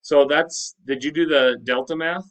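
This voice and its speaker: A man's voice: a little high, steady tone, normal speed, fairly bright tone. A man teaching like a teacher to his class, explaining step by step in an instructive way and posing questions to check understanding. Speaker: high school math teacher. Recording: distant microphone.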